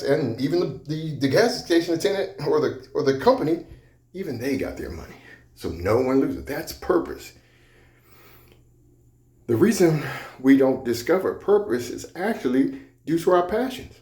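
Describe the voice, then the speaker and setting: A man's voice: a little high, a little mellow, roomy sound. A man giving a motivational talk about his own experiences, speaking conversationally and repeating himself, with frequent restarts. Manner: conversational, repetitive storytelling with restarts. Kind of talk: personal storytelling talk.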